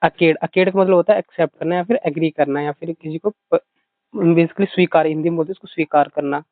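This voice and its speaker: At a quick pace and in a steady, slightly high tone, a man teaches exam vocabulary with mnemonics, repeating himself often and saying "theek hai" over and over. The recording is thin, phone-like, and dry, without room sound.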